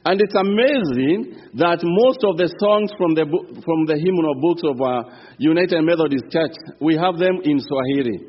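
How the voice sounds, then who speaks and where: A Kenyan man preaches a sermon as a visiting pastor in a church sanctuary, his fairly high, expressive voice slightly rough. He speaks earnestly with rising fervor and some halting restarts, and the recording has the dull sound of a reverberant church hall.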